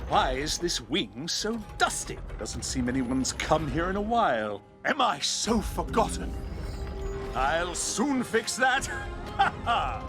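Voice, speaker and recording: A man's voice: on the high side, big pitch swings, slow pace, music in the background, full character voice. A man playing a boastful old-fashioned explorer hero in a video game, pompous, theatrical and given to exclaiming. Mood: grand, adventurous. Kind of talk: video game character acting.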